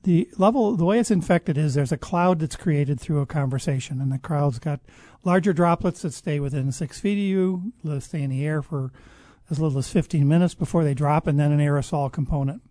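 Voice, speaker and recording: A man with a mellow voice that sits a little high talks through his views in a measured, explanatory way. He often stops and restarts his sentences. The sound is dry and close. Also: dry recording. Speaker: guest expert on public health. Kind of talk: conversational interview answers.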